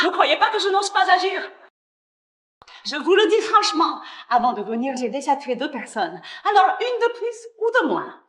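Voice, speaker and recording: An actress dubbing an unhinged, vengeful middle-aged woman who threatens a hostage, with a shrill, cackling manner. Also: a bit bright, heavily acted. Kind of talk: dubbed drama acting.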